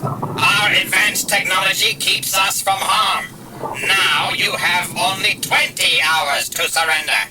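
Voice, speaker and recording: A man voicing a menacing male alien invader with a metallic, commanding voice in an audiobook, speaking slowly. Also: sits high, fairly even intonation, far from the mic, very noisy, pitched above the performer's own voice. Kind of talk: audiobook character voice.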